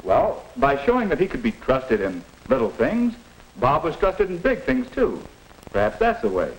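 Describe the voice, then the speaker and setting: An American man playing a patient, moralizing father in a 1950s instructional film, measured and gently questioning. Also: mid-range voice, wildly swooping pitch, breathy edge, heavily acted. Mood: thoughtful advice. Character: patient, moralizing middle-aged father advising his child. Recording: noisy vintage 1950s film soundtrack.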